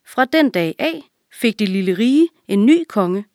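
A woman reads a children's story aloud in a clear, expressive voice at a middle pitch. The recording is close and dry, with no room sound. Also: no echo.

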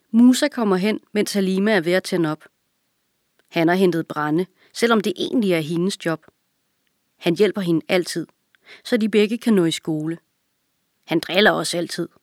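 Lady reading a kids' audiobook, calm and even, lowish voice. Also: dry recording, studio quality. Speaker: audiobook narrator. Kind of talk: scripted narration for children.

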